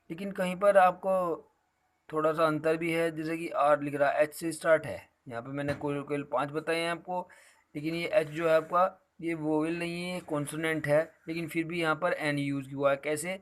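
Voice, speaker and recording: A male teacher walks his students through a grammar lesson. His voice sits a little on the high side, and he explains patiently, slipping in a fond "beta" as he goes.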